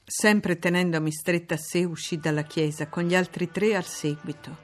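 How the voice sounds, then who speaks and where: An Italian woman reading a classic novel aloud in a measured, steady narration. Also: lowish voice. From Italy. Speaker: audiobook reader. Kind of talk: literary audiobook narration.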